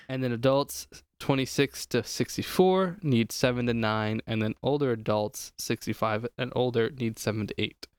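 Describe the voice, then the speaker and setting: A man's voice: medium pitch, normal speed, few pauses, clean tone, no room sound, clean studio sound. A man hosting a podcast in casual chat, reading lists aloud with joking asides. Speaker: podcast host.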